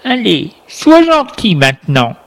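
Storybook grandmother, strict and reproachful, read by a man pitching up, slow deliberate lines. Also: wildly swooping pitch, creaky, fairly bright tone, heavily acted. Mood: coaxing stern. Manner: scolding, reproachful. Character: stern scolding grandmother, older woman.

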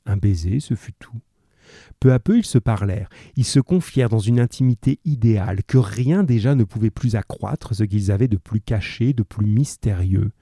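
A man teaching a class over the radio, measured when he reads and warmly encouraging with pupils. His voice is fairly low and very mellow. The sound is dry and close to the mic. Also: slightly rough, no room sound. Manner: slow, measured reading; lively and encouraging with pupils. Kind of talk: literary reading and radio class.

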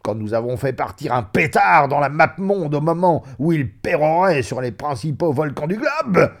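A man voicing a boisterous, vulgar male old schoolmate who boasts loudly and laughs through his words, in a story reading. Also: sing-song, a little slow, full character voice. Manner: loud, laughing, booming exclamations. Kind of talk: audiobook reading of a classic story.

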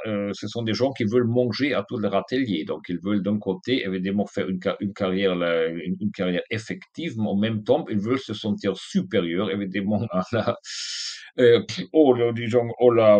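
A man's voice: lowish voice, moderate pace, a little mellow, no room sound, lo-fi sound. A man being interviewed as a guest author, speaking hesitantly and often restarting his words. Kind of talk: interview answers.

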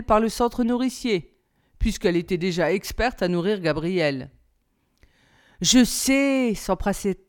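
A woman reads a novel aloud as a teacher, in calm, even storybook narration. Her voice is smooth and clear, sitting at a middle pitch.

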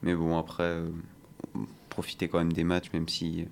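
Man, panelist, calm, reflective, very deep voice. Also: moderate pace, clean tone. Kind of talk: casual radio chat.

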